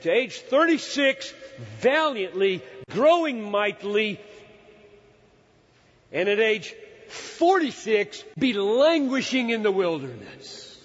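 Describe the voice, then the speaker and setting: A man's voice: sits high, big pitch swings, takes it slowly. Earnest older man preaching in a hall. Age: 60s. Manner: earnest, emphatic, stops to search for words. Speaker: pastor. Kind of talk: sermon. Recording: dull hall recording with long reverb.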